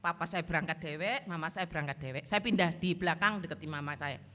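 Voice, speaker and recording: A woman pastor preaching a church sermon, telling stories in a lively way and mixing in phrases. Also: low voice, fast. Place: church service. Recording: long church-hall reverb.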